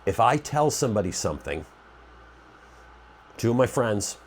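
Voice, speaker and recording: The host of a preparedness channel talks casually to camera at a moderate pace in a lowish, sing-song voice that sounds stuffy and nasal from a cold. He rambles conversationally and keeps correcting himself, with slight background noise.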